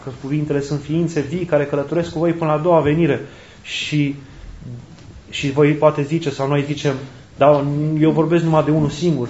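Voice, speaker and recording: A man's voice: a little high, darkish tone. A man, a priest, preaching an earnest sermon, repeating key phrases for emphasis. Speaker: Orthodox priest. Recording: roomy, dull lo-fi recording.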